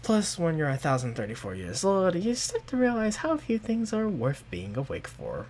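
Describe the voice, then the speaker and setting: A man voicing Zinnia, a weary goddess over a thousand years old who talks in a calm, drawling and sometimes hushed way. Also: lowish voice, moderate pace, a little hiss or hum, pitched above the performer's own voice. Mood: languid. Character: ancient weary goddess woman, lofty and dry.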